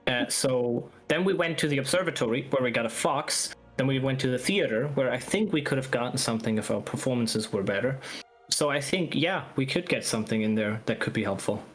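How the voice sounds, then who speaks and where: A man's voice: medium pitch, expressive, a little fast, soft background music. A man talking casually as a player in a tabletop role-playing game.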